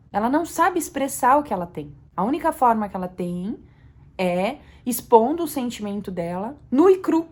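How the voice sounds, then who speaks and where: Calm Brazilian woman, soft reflective talk. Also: fairly high pitch. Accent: Brazilian Portuguese. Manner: calm and soft-spoken, rising to earnest emphasis. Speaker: mother vlogger.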